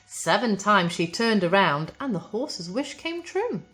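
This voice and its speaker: A woman reads a rhyming picture book to young children. Her medium-pitched voice is very animated, rising and falling with a rhythmic storyteller's cadence. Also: measured pace. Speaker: primary school storyteller. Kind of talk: expressive picture-book reading in rhyme.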